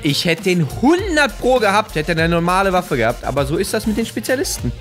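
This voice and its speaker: A young man chats casually over a video game he is playing, close to a studio microphone. His voice sits fairly high and swings widely in pitch as he exclaims and jokes. Faint music runs behind him. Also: fairly quick. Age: 20s. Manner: excitable, exclaiming and joking while playing. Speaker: gaming YouTuber. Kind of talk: casual gameplay commentary. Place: indoor room at home, on a couch. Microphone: close studio condenser microphone with pop filter.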